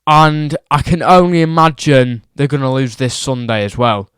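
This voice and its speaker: A young male football vlogger rants about the results, exasperated and hammering his points home by repeating them. His mid-range voice is steady, fairly bright and clean, at a normal speed. The recording is dry and of studio quality.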